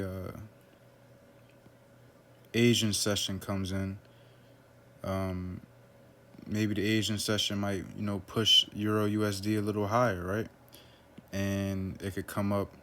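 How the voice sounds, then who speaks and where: In a casual screen-share, a forex trader goes over a chart in a loose, offhand manner, leaning heavily on fillers like "um" and "right?". His voice is low and flat with little rise or fall, and a faint background hum sits under it.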